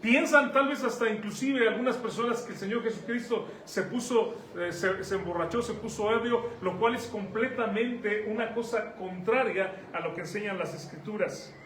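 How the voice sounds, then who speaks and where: High-voiced Mexican pastor preaching. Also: male voice, moderate pace, hardly any pauses, a bit bright. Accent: Mexican Spanish. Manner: conversational preaching, asks the congregation questions. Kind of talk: sermon. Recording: echoey room, mic at a distance, faint noise.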